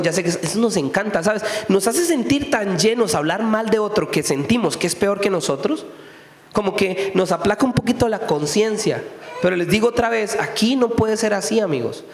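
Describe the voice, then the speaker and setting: A man's voice: sits high, big pitch swings, normal speed. A man preaching a sermon in a conversational way, firing off rhetorical questions at his listeners. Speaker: pastor. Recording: echoey hall with long reverb.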